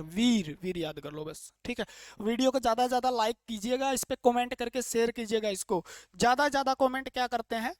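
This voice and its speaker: Male teacher, mid-pitched, dry close sound, quizzes the class and answers his own questions. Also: dry recording. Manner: asks questions and answers them himself, drilling key points; plain, chatty and jokey explaining. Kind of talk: classroom lecture.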